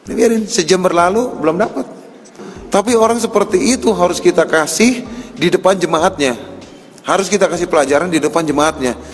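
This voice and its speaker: A man's voice: sits high, brisk, long reverb tail. A man giving a religious lecture with mocking, sarcastic asides.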